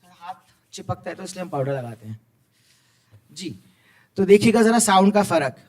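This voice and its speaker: A man with an animated, encouraging manner, teaching tabla to students in a school hall. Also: high voice, moderate pace. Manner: animated, encouraging, recites tabla syllables aloud. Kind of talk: lively school music workshop. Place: school hall with live music.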